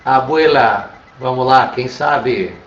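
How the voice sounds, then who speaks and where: Brazilian teacher, roomy distant sound. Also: male voice, mid-range voice, takes it slowly, a bit bright, lo-fi sound, a little hiss or hum. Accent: Brazilian Portuguese. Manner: patient, repeats "tá?" often. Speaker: Spanish teacher. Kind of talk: online class lecture.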